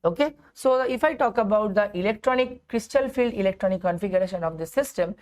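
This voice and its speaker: A woman's voice: medium pitch, expressive, fairly quick, darkish tone. A woman with an Indian accent giving an instructional chemistry lesson, mixing Hindi phrases into English and repeating phrases and rhetorical questions for emphasis. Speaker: chemistry teacher.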